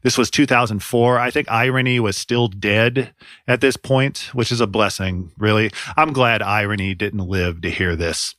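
A man's voice: lowish voice, moderate pace, a bit bright, no echo. A man hosting a music podcast, reading scripted commentary with dry, wry, sardonic asides into a close studio mic. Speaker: podcast host.

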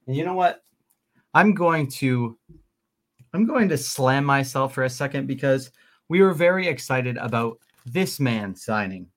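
Casual young man, excited, ums and uhs, sports podcast co-host. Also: mid-range voice, a little slow. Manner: excited, rambling with fillers. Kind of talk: casual storytelling.

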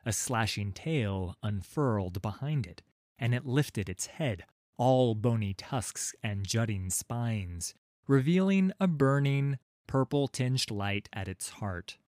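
A man reads a fantasy tale in a very slow, deliberate, dramatic way. His voice sits on the low side and is recorded dry and close. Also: darkish tone, no echo. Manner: measured, dramatic storytelling. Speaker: audiobook narrator. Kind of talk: scripted fantasy narration.

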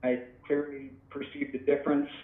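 Heard over a tinny, echoey phone line, a man in his thirties joins a podcast as a guest for casual talk. His mid-range voice is flat and paced normally, and he rambles reflectively with many restarts.

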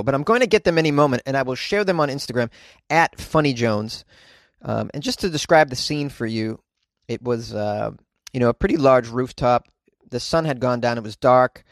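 Animated male comedy host recording inside a closet. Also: medium pitch, dry recording, studio quality. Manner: animated, caffeinated, goofy, repeats phrases for effect. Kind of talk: comedic news commentary and rambling monologue.

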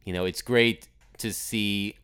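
Smooth-voiced man, measured podcast guest. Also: on the low side, fairly even intonation, a bit bright. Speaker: hockey reporter, podcast guest. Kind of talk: casual sports podcast chat.

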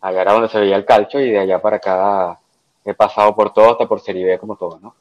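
A man speaking as a podcast guest in casual chat, relaxed and repeating words as he starts. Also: on the low side, quick pace, highs cut off.

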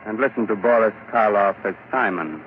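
A sinister host of a 1940s radio horror show, voiced by a man, mock-polite and gloating as he invites the listener in. His voice sits on the low side. It comes through a thin, tinny old radio recording with a faint hiss underneath. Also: normal speed, close to an everyday voice. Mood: ominous. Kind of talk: 1940s radio drama acting.

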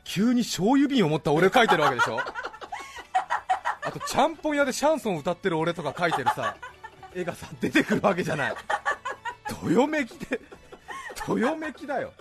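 A male radio host tells a story at a quick clip and acts out every character in it. His pitch leaps around wildly as he laughs through the tale. Music plays clearly underneath. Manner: animated storytelling, acts out other people's lines, frequent laughter. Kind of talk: casual radio talk, anecdote.

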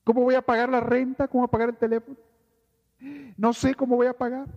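A man's voice: very high voice, little pitch movement, quick pace, voice pushed up. A man doing a frantic fretting worker. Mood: anxious. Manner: frantic, fretful questioning. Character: anxious, fretting working man full of worries. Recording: reverberant lo-fi church recording.

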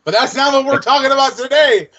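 Jokey podcast co-host, lo-fi sound. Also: male voice, very high-pitched, fast, sharp tone. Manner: jokey, slips into playful mock voices. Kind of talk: casual chat recapping a sitcom episode. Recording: slightly dull lo-fi sound.

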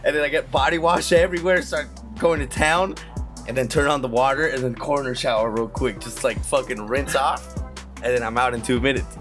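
A man's voice: mid-range voice, brisk, a bit bright, soft background music. A young man telling casual comic stories to friends in a slangy, profane frat-bro manner.

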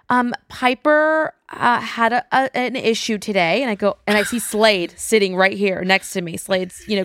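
A woman's voice: medium pitch, clean tone, dry recording, studio quality. A woman co-hosting a podcast, chatting casually and telling stories animatedly, laughing often. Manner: animated storyteller, quick to laugh. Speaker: podcast co-host. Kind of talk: casual chat.

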